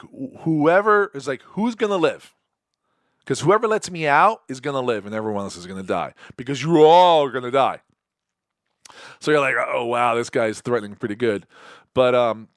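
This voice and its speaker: A man hosting a solo podcast, casually recapping an episode and acting out the characters' lines in quick quoted bits. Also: mid-range voice, no echo, studio quality. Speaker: podcast host.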